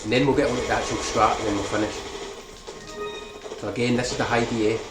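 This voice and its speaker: A speedrun guide maker explains his strategy in a game tutorial, checking in with "right?" often. He talks fast at a medium pitch with little pitch movement, over loud music, in an echoey room with background noise.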